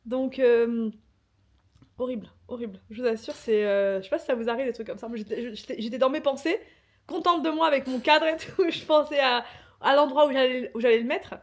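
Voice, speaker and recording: A woman's voice: high voice, brisk. A young woman vlogging in a casual, chatty way, laughing as she complains. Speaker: family vlogger. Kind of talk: casual vlog chat.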